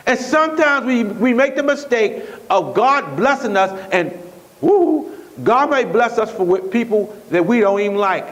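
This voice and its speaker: A male pastor preaching a sermon in a conversational, repetitive way, often restarting his sentences. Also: high voice.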